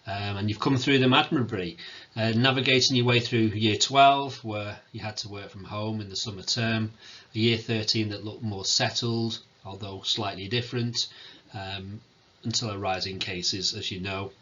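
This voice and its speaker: A man, a teacher giving a recorded farewell talk to his students, hesitant with many pauses and fillers, in a self-described monotone. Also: lowish voice, muffled recording. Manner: hesitant, many ums, calls himself monotone. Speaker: sixth form teacher.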